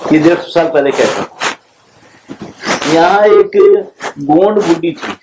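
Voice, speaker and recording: A man giving an informal lecture, telling scripture stories in an unhurried, discursive storytelling way. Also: on the high side, expressive. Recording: noisy archival recording.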